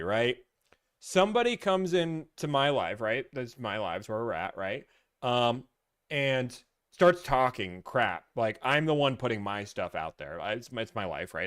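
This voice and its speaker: Smooth-voiced man rambling on a live stream. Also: mid-range voice, a bit bright. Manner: rambling, teasing, reads and answers chat comments. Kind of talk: casual live-stream chat.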